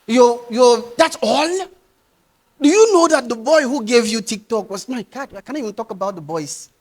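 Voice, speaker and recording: A middle-aged man giving a passionate motivational speech to young people, swinging between loud urging and quiet pleading. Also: very high-pitched, expressive, fairly quick. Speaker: motivational speaker.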